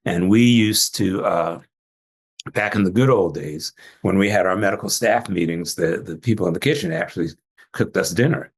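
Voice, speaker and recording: Low, gravelly-voiced older man. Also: moderate pace. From Jamaican family, trained in Atlanta. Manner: storytelling, laughs often. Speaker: physician guest. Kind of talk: casual interview talk.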